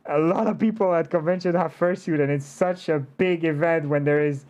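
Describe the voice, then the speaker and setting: Higher-voiced man chatting casually, animated and hesitant. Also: a little fast. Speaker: interview show host. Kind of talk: casual conversational interview.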